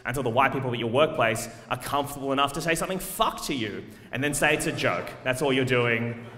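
Aussie guy roasting in a comedy debate, sarcastic, bright voice, big echoey hall. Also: medium pitch, animated, fast talker. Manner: sarcastic, swearing. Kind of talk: stand-up comedy debate speech. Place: large hall. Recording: echoey hall, live audience.

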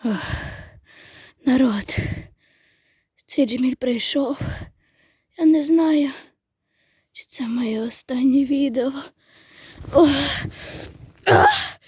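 A frightened, slightly hoarse woman on a playful spooky Halloween vlog, swinging between shrieks and hushed whispers. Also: sits high, drawn-out words, long pauses, no room sound, clean studio sound. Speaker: vlogger.

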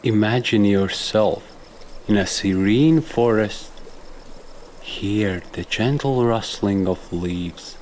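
Here a man with a deep voice leads a scripted meditation, giving measured instructions very slowly and softly and leaving space between phrases. Faint stream water trickles amid nature sounds, along with some slight background noise.

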